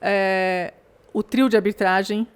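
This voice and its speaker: A woman's voice: mid-range voice, fairly even intonation, slow pace, smooth. A woman, a business consultant and podcast guest, speaking in an earnest, emphatic way in a casual conversation.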